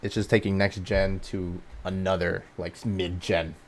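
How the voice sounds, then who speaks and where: A man co-hosting a gaming news podcast, talking in an excitable, rambling way with many fillers. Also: deep voice, measured pace, a little hiss or hum. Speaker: podcast co-host. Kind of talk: casual chat.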